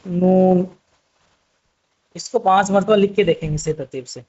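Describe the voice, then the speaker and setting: A man's voice: sits high, fast, a little mellow, breathy edge, muffled recording. A man teaching Urdu script, patiently spelling out letters one by one. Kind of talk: slow spoken writing lesson.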